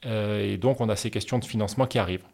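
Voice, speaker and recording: With a fairly low, creaky, slightly mellow voice, a man who advises on wealth management responds to interview questions, measured and explanatory but full of hesitations.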